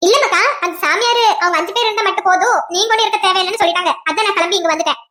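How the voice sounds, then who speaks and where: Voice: extremely high pitch, rapid-fire, background noise. A woman doing a kind old grandmother with a Kanyakumari accent. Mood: reassuring. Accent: Kanyakumari Tamil.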